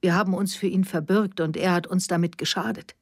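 A woman's voice: on the low side, fairly even intonation, fairly quick, darkish tone, no room sound, studio quality. A woman voicing a nervous middle-aged mother who pleads and defends herself, read as part of an audiobook story. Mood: defensive. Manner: pleading, flustered.

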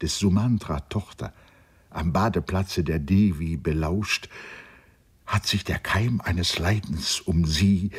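A man narrating a literary story in an audiobook, reading in an expressive, measured way. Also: deep voice, slightly rough.

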